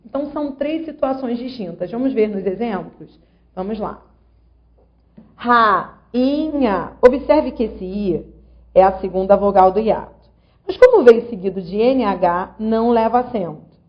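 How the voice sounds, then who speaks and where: A woman's voice: medium pitch, lively intonation, measured pace. A woman grammar teacher, explaining rules patiently and sounding out syllables one by one. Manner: patient, syllable-by-syllable explaining, asks viewer along. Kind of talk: online grammar lesson. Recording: slightly dull lo-fi audio.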